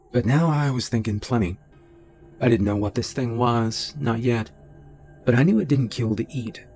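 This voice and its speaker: A middle-aged man narrating a first-person horror story in a low, steady, deliberate way. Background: faint music.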